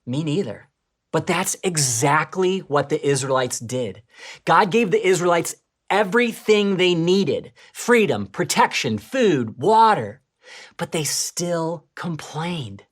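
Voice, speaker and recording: A woman with a low voice co-presents a scripted children's church lesson. Her pitch swings widely as she tells the story, turning from excited to hushed. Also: slow pace, slightly rough.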